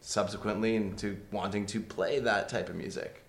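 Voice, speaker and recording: A man's voice: fairly low pitch, fairly even intonation, normal speed. A man in a band telling a story in a casual chat, joking as he goes. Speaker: band member. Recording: echoey room.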